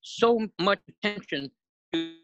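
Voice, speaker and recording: A middle-aged man, a houseless advocate, speaking haltingly and earnestly with many fillers over a video call that breaks up. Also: high voice, lively intonation, low-quality recording. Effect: heard over a video call that breaks up. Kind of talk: panel remarks on a video call. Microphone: dialed in remotely.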